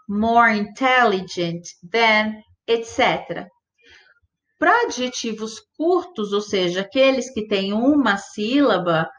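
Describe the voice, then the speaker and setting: A woman teaching an English grammar lesson, explaining patiently step by step, checking that students follow and slowing down to spell out example words. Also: mid-range voice, a bit bright, dull audio. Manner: patient, step-by-step, checks understanding with "tudo bem?" and "certo?". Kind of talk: classroom-style grammar explanation.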